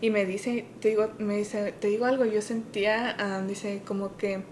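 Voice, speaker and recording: A woman co-hosting a podcast, telling a personal story and switching between English and Spanish mid-sentence. She rises high and loud when quoting her parents. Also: little pitch movement, moderate pace, a little hiss or hum. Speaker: podcast co-host.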